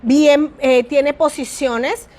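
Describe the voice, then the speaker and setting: A middle-aged woman with a naturally soft voice, teaching an online church class and shifting her tone and volume for emphasis. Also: sits high, fairly even intonation, extremely slow. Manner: varies tone and volume for emphasis, addresses listener as "mi amado".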